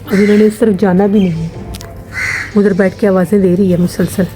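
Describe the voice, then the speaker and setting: A woman's voice: mid-range voice, steady tone, a little fast, over music. A woman family vlogger from Pakistan giving amused, chatty live commentary while filming birds outdoors.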